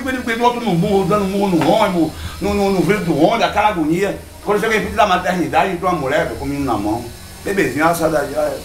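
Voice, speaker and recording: An excitable man rattles off a comic tale, jumping into other people's voices and sound effects. He speaks quickly and sits fairly high for a man, and the room around him rings with echo. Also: a little hiss or hum. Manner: excited, rambling, acts out quotes and sound effects. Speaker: comedian telling a story. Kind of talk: comic storytelling monologue.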